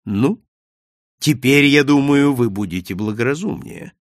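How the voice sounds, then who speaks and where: A man voicing a sly male villain who speaks coolly and unhurriedly, with mocking calm. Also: mid-range voice, no echo, clean studio sound, natural voice. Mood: cold calm. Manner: cool, unhurried, sneering. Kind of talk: audiobook character voice.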